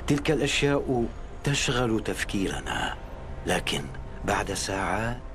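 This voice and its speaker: A man's voice: fairly low pitch, natural voice. An actor playing a grown man who narrates childhood memories in a film, in a poetic, wistful, reflective way. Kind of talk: scripted first-person film narration. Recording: music behind the voice. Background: music.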